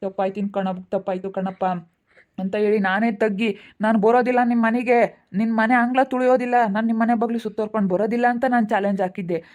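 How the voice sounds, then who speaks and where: A woman's voice: on the high side, flat delivery, fast talker, darkish tone, close to an everyday voice. A woman, acting a grieving middle-aged farm woman who keeps lamenting her lost land in a village family drama. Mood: bitter pleading. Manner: lamenting, repetitive pleading speech.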